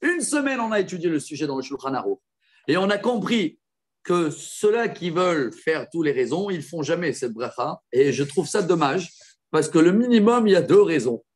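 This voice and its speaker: A rabbi teaching a group with real enthusiasm, his fairly high voice bright with praise. He moves quickly between rulings and side remarks, checking in with his students as he goes. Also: very animated. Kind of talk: lively halakha lesson with students.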